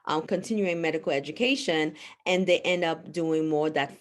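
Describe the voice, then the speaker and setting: A woman's voice: low-pitched, normal speed. A woman from Haiti, a naturopathic physician, answering interview questions in an earnest, explanatory way. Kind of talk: podcast interview.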